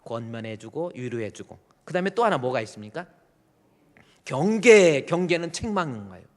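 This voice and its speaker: Korean pastor preaching in an echoing church. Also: male voice, on the high side, sing-song, normal speed. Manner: swings from soft asides to loud emphatic exhortation; acts out a pastor admonishing deacons and elders. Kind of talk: sermon. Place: church sanctuary.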